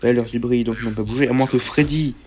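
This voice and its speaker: Jumpy young French gaming commentator. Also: male voice, medium pitch, fairly even intonation, fast, a little mellow, slight background noise. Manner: jumpy, rambling, swears and stammers when scared. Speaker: gaming YouTuber. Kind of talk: let's play commentary.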